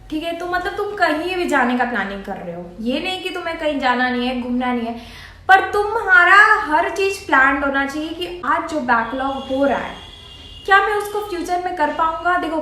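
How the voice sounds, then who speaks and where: A woman's voice: sits high, sharp tone. A young woman from India talking casually to camera, giving earnest, coaxing advice like an older sister. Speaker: student vlogger. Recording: echoey room.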